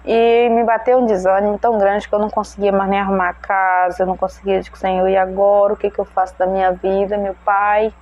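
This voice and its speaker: A woman's voice: mid-range voice, little pitch movement, fast, few pauses, a little mellow, muffled recording. A mother retelling a personal religious testimony, emotional and prayerful, often voicing her own prayers aloud. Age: adult mother. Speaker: testimony speaker.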